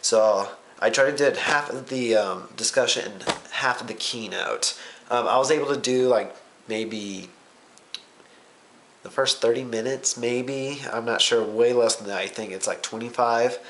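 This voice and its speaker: A man's voice: mid-range voice, a little slow, a bit bright, slight background noise. Rambling young man vlogging. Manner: rambling, filler-heavy, swears casually. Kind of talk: casual recap vlog.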